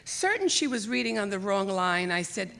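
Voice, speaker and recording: An older woman, born in Greece and brought to the United States as a child, reads her own scripted memoir essay to a live audience on a library theater stage. Her first language was Greek or Italian, and her mid-range, creaky voice moves at normal speed. She performs like a storyteller, expressively acting out remembered dialogue.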